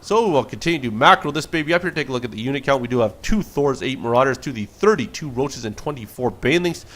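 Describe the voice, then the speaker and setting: Man, game caster, fast talker, casual play-by-play, joking asides. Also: mid-range voice, animated, a bit bright. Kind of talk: play-by-play commentary of a video game replay.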